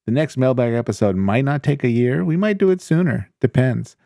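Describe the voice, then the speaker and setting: A man's voice: medium pitch, expressive, brisk, gravelly, mellow, dry recording, clean studio sound. A man co-hosting a podcast in casual chat, joking and laughing often. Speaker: podcast co-host.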